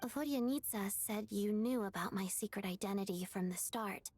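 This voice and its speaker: An actress voicing a polite, reserved young woman in a video game, with a calm, earnest and softly formal manner and a husky voice. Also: mid-range voice, moderate pace, close to an everyday voice.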